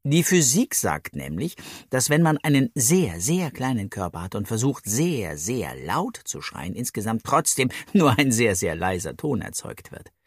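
A man's voice: mid-range voice, sing-song, unhurried, breathy edge, dry recording, studio quality. A man narrating a children's story in the first person, playful and chatty, talking straight to the listener. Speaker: audiobook narrator.

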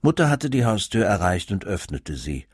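A male storyteller reads a comic tale aloud in a low, wry voice. His delivery is animated, with a lot of pitch movement. The recording is close and dry, with no room around it. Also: normal speed, breathy edge, no echo. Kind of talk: expressive story reading.

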